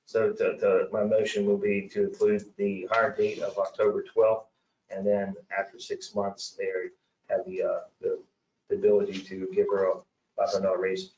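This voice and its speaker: Brisk male meeting chair, heard distant in a dull, echoey chamber. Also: on the low side, monotone, darkish tone, slight background noise. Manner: brisk, procedural. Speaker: commission president chairing meeting. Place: county meeting room.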